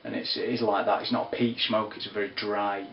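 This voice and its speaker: A man giving a casual spoken whisky review, unhurried and descriptive with wry asides. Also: on the low side, flat delivery, a little hiss or hum. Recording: roomy, distant, dull lo-fi sound.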